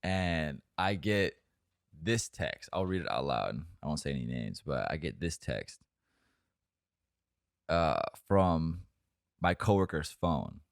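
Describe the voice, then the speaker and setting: A man's voice: a bass voice, big pitch swings, slow pace, gravelly, pauses often, no echo, clean studio sound. A young man co-hosting a podcast, telling a long story in a rambling, profane, laughing way. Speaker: podcast co-host. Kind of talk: casual storytelling chat.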